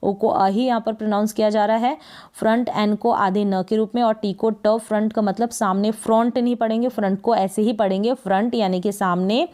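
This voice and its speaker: A woman's voice: medium pitch, steady tone, moderate pace, darkish tone. A woman teaching beginners to read English, sounding out letter blends and then asking and answering her own questions. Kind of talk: phonics lesson for beginners.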